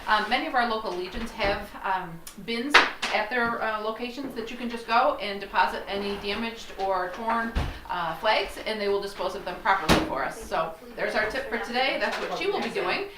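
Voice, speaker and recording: A woman presenting unscripted organizing tips to camera, explaining step by step with hesitant pauses. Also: medium pitch, very noisy. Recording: roomy, distant mic, chatter behind.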